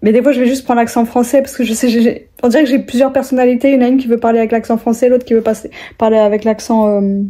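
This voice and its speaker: Young woman vlogger, rambling casual chat, soft mellow tone. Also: fairly high pitch, flat delivery, fast, few pauses. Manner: rambling, chatty, many fillers and restarts.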